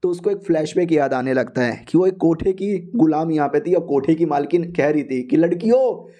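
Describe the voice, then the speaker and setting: A man's voice: fairly high pitch, normal speed, dark tone. A young man casually retelling a manga story, chatty and slangy, voicing every character himself. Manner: chatty and slangy, addressing listeners as "yaar". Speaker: manga explainer narrator.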